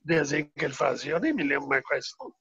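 A man's voice: on the high side, quick pace, gravelly, fairly bright tone, breathy edge. An older man from recalling old stories over a video call, hesitant and trailing off. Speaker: father telling family stories. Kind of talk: casual recollection. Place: home room, indoors. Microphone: laptop webcam on video call. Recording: dull lo-fi video call audio.

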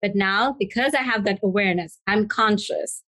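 A woman's voice: medium pitch, normal speed, a bit bright, no room sound. Earnest woman from Pakistan, dry sound. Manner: earnest, storytelling. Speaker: interior designer guest. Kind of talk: casual podcast interview.

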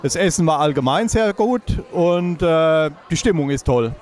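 A man's voice: a little high, lively intonation, moderate pace. A man in his forties, a guest at a New Year's Eve party, answering an interviewer with enthusiasm. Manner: enthusiastic, praising. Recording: loud music and crowd.

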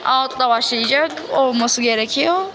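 A woman calls a football match live in an extremely high voice. The recording is outdoors, very noisy, with a loud crowd behind her. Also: moderate pace.

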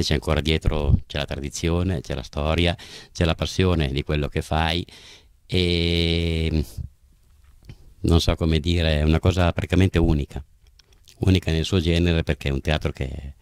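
Very deep-voiced older man. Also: steady tone, unhurried, clean tone, dry recording. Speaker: puppeteer from a family company. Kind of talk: interview, explaining his craft. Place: indoors at the puppet theatre. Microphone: handheld microphone.

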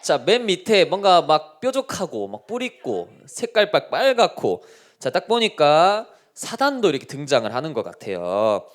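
A man's voice: on the high side, normal speed. Man preaching animatedly to children. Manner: lively, keeps asking the children questions. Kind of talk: children's sermon.

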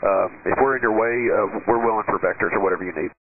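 A man's voice: lowish voice, quick pace. A man, an airline pilot on a cockpit headset, making polite, businesslike, clipped calls over aircraft radio. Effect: aircraft radio transmission. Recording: noisy narrowband cockpit radio transmission.

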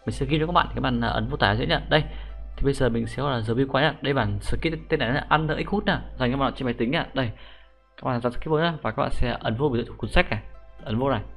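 An excitable young gaming YouTuber walks viewers through a menu in a casual screen-recorded tutorial on a game script, with music in the background. His mid-range voice is creaky and quick, full of informal slang and repeated sentence-end particles.

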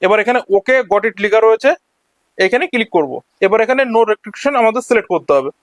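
High-pitched and animated, this man talks fast while voicing over a screen-recording tutorial, explaining the steps one by one as a tech tutorial host. There's no room sound in the recording.

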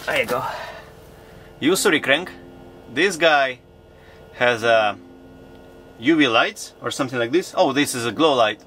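Excitable man, slow lively non-native speech. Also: medium pitch, slight background noise. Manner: non-native English with broken grammar; excitable, bursts into exclamations. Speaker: fishing vlogger. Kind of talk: casual vlog narration to camera. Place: inside an ice-fishing tent on a frozen lake. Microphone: action camera mounted in the tent.

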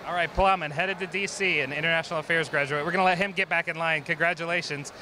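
A man's voice: a little high, steady tone, fast talker, bright, forceful tone, slight background noise. A man interviewing graduates live with an enthusiastic, chatty manner, on a handheld mic in a crowded indoor gym. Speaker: social media manager interviewing graduates.

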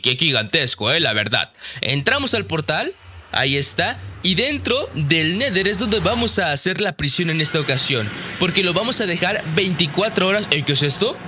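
Young guy doing excitable gameplay commentary, high bright voice, talks to his viewers like friends. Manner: excitable, with frequent surprised exclamations; addresses viewers directly as friends. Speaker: gaming video creator.

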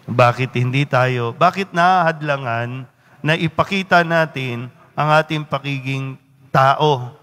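A man's voice: mid-range voice, a bit bright. A man, a priest, giving a homily at Mass and asking the congregation questions. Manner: asks the congregation questions, quotes people aside. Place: church. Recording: church hall reverb.

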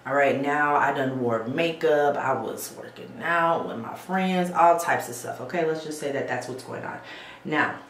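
A woman's voice: sits low, moderate pace, slight background noise. A woman giving a casual beauty how-to at a bathroom sink, chatting to viewers and checking in with "okay?" as she goes. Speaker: beauty vlogger. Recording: roomy echo, faint ambience.

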